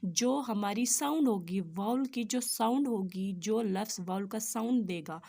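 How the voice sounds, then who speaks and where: A woman's voice: mid-range voice, creaky, warm tone. A woman, teaching English grammar in a patient, step-by-step lesson and often checking that students follow. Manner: patient, repeats "theek hai" to check understanding; spells out English examples slowly and deliberately. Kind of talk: classroom lesson explaining articles.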